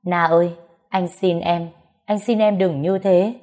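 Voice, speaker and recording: A woman voicing an anxious young husband who softly begs his wife. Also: high-pitched, fairly even intonation, measured pace, soft background music. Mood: begging. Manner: begging, soft and pleading.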